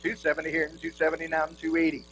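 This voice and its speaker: A male auctioneer delivers a rhythmic bid-calling chant, looping numbers over and over with the odd folksy aside. His voice sits fairly high and stays within a narrow, steady range. It is a live recording with a clear hum behind him. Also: rapid-fire. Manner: repetitive rolling number patter, folksy asides to the crowd.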